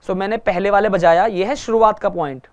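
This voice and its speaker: A man's voice: sits high, steady tone, a little fast, darkish tone, lo-fi sound. A man teaching a guitar lesson, patiently repeating each point and checking that everyone follows. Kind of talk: online music lesson.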